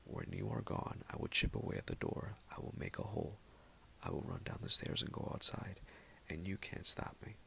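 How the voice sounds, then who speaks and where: A man's voice: deep voice, big pitch swings, moderate pace, gravelly, sharp tone, slight background noise, heavily acted. Rapunzel, as a man reads a lonely defiant girl. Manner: complaining, insistent.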